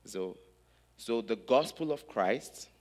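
A man from Nigeria preaching a sermon in English in short phrases, pausing so an interpreter can translate. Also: fairly low pitch, animated. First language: not German.

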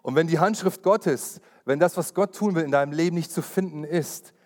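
A man's voice: fairly high pitch, normal speed, darkish tone. A man giving an earnest sermon as pastor, repeating key phrases for emphasis and sharing personal testimony with urgency.

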